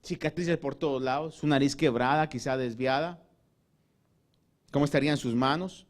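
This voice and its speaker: A man preaching a sermon as pastor. He often addresses his listeners as "hermano" and slows down to stress key words. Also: mid-range voice.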